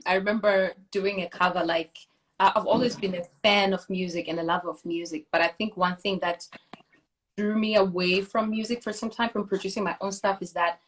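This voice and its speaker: A woman's voice: medium pitch, fairly even intonation, brisk. A young woman from Zimbabwe, a singer, chatting enthusiastically as she interviews a fellow artist over a video call.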